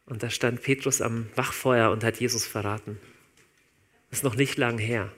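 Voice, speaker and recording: Bright-voiced man preaching conversationally. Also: mid-range voice, fairly even intonation, normal speed. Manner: conversational, informal, addresses listeners directly. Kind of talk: sermon.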